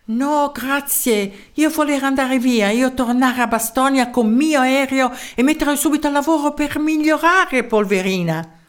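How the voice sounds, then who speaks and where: A woman voicing an eccentric foreign male professor who speaks slow, broken Italian in a storybook. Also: sits high, pitched above the performer's own voice. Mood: polite, eager.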